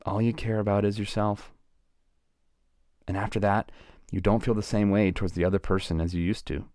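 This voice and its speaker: A man voicing a weary, broken woman who speaks in a hushed, halting way. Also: on the low side, flat delivery, no echo, studio quality, close to an everyday voice.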